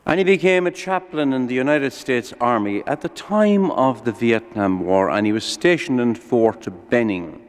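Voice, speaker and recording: A man's voice: mid-range voice, normal speed, hardly any pauses. A man preaching a sermon like a lilting storyteller, putting rhetorical questions to his listeners and telling everyday examples. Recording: echoey hall with long reverb.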